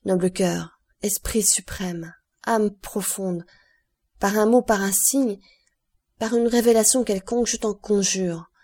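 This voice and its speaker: A woman reads a grave male nobleman, once a sailor, who speaks with solemn earnestness. The audiobook voice is warm and dark-toned. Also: medium pitch, steady tone, slow pace. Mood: fervent. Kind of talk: audiobook character voice.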